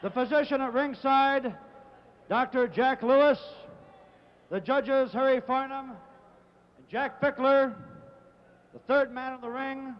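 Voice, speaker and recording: A man announcing the fighters in formal, drawn-out calls, heard through arena loudspeakers. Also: very high-pitched, fairly even intonation. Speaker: ring announcer. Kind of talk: formal ring introductions. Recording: muffled old broadcast, faint noise.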